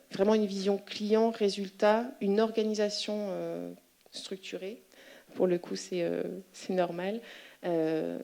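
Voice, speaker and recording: A woman giving an explanatory presentation to a professional conference, in a medium-pitched voice. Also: mellow. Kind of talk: explanatory presentation with questions and answers.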